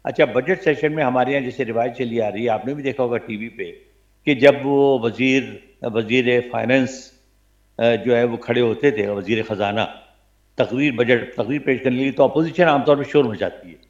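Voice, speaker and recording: Older male guest, veteran radio commentator, mid-pitched and steady, recalling stories with lively asides over muffled audio. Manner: animated anecdotes, frequent "theek hai na?" check-ins. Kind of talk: reminiscing interview storytelling. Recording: dull lo-fi broadcast audio.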